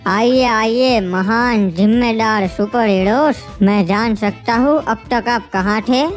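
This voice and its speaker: A woman's voice: on the high side, takes it slowly, faint music behind. A woman voicing a stern, boastful male superhero team leader who scolds his team. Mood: scolding. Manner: scolding, commanding.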